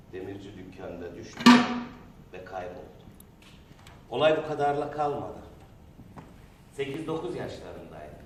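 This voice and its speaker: An actor plays a haunted man telling his childhood in a theatrical monologue. His lowish voice moves intensely between hushed and loud. It is heard from far off in a very echoey space, with heavy noise over the recording. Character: man dramatically recounting a traumatic childhood memory. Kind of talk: dramatic theatrical monologue narration. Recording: very echoey, distant, noisy recording.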